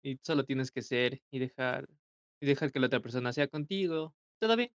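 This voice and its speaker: A man's voice: medium pitch, fairly quick, dry recording, lo-fi sound. A young man in a casual comedic chat, throwing in dry, blunt one-liners. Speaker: co-host.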